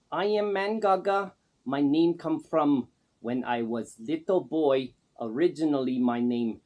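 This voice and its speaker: A man playing an eccentric self-proclaimed pop star with a put-on Russian accent, speaking in broken English with a deadpan, boastful manner. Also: a little high. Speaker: interviewee.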